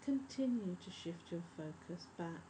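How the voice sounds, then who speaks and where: A woman leading a guided breathing meditation in a soft, soothing, measured spa voice that often trails toward a whisper. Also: lowish voice, lively intonation, low-quality recording. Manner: measured, instructive. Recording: faint background noise and ambience.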